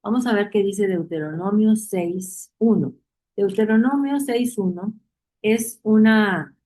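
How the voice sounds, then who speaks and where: A woman's voice: mid-range voice, a little mellow, poor audio. A woman leading a Bible study class, reading verses aloud, repeating key phrases and putting questions to her listeners. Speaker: Bible teacher.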